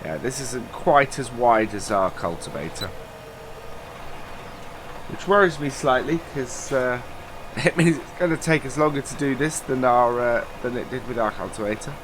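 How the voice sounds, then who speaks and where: A man's stuffed-up, cold-thickened voice carries this casual let's-play from a gaming channel host who rambles and says "uh" a lot. He's chatty, with a mid-range voice at a moderate pace, and there's background noise.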